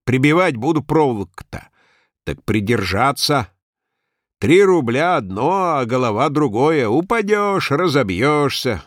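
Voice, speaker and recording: A man reading a story aloud and voicing a gruff, stubborn working-class handyman who speaks in rough colloquial phrases. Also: mid-range voice, very animated, unhurried, dry recording, studio quality, pitched above the performer's own voice. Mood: smug. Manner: rough colloquial speech, offhand and cocky. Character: gruff male handyman, crude, stubborn and boastful.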